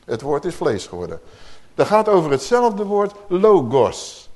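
A man's voice: a little high, huge pitch swings, a little slow, darkish tone. A man preaching a sermon in a conversational teaching manner, asking the listeners rhetorical questions.

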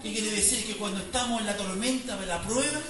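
Chilean preacher guy, high voice, fiery sermon, super echoey church from far off with the crowd chiming in. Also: a little fast. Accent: Chilean Spanish. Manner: fervent, swells to near-shouts and sing-song on praise. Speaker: pastor. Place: church hall. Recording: echoey church sound from a distance with congregation.

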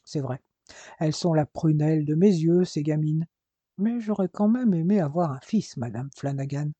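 A narrator voicing a boisterous giant red-haired male innkeeper who bursts into loud, high exclamations, in a dull lo-fi recording. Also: normal speed, husky, no room sound, natural voice. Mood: grumbling.

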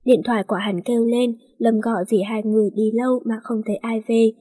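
A woman reading a romance story aloud in a steady, plain voice. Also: a little high, fast talker, breathy edge.

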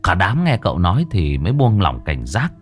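Low-voiced man telling a story. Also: huge pitch swings, moderate pace. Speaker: narrator. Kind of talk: storytelling narration. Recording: faint music behind.

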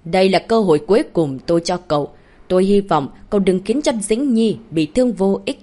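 A woman voicing a stern, powerful older man who speaks coldly and with menace, louder than her narration. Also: medium pitch, animated, fairly quick, natural voice. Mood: restrained anger. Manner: cold, louder commanding delivery.

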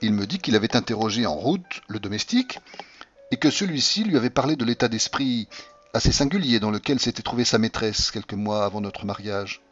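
A man reading a classic novel aloud as an audiobook narrator, with expressive storytelling delivery. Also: on the low side, a little fast, a little hiss or hum. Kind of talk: scripted literary narration. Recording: dull lo-fi audio.

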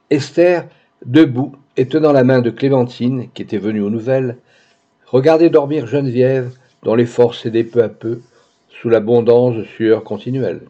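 A man reading a novel aloud as an audiobook narrator, in a measured, literary style, on a dull lo-fi recording. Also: medium pitch, dark tone.

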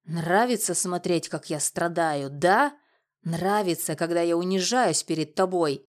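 A woman reading an audiobook, voicing a drunk, violent young ex-husband who shouts and then whines. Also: mid-range voice, lively intonation, slow pace. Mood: furious. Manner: shouting, whining.

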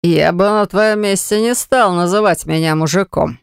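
A man's voice: high-pitched, normal speed, vocal fry, clean tone, no echo, clean studio sound. A reader voicing an arrogant, menacing blond male fire mage in an audiobook, speaking in a sneering, spiteful way. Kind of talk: audiobook character voice.

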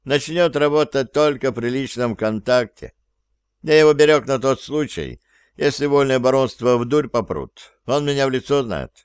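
A man voicing a rough, roguish male bandit who talks of his secret agent. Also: medium pitch, animated, normal speed, dry recording, clean studio sound, pitched above the performer's own voice, lightly acted.

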